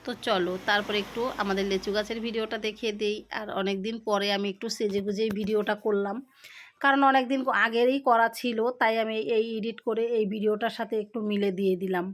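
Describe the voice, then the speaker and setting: Flat-voiced woman vlogging slowly, halting. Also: medium pitch. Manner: slow, halting talk with pauses. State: unwell with a headache. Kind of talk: casual daily-life vlog. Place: home kitchen and village shop. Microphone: phone set down nearby.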